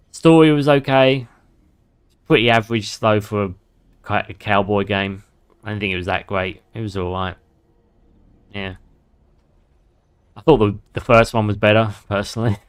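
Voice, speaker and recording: A man giving casual gameplay commentary as a streamer, chatty, swearing freely and laughing often. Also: on the low side. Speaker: gaming streamer.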